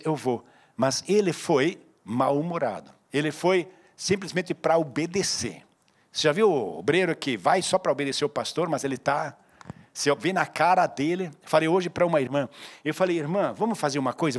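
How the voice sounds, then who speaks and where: High-voiced, animated preacher man. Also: normal speed. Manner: animated preaching, acting out dialogue with sudden loud and soft turns. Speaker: pastor. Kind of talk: sermon.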